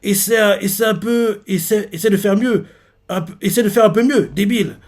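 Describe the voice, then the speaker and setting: A man's voice: high-pitched, normal speed, pitched above the performer's own voice. A man voicing a teenage girl who taunts and trades insults while reading a manga aloud. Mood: taunting.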